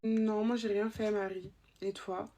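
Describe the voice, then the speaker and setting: A woman performing a point-of-view comedy sketch as a chatty young school supervisor, teasing and gossiping with pupils, swinging between loud scolding and soft confiding asides. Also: mid-range voice, level tone, a little slow, music in the background.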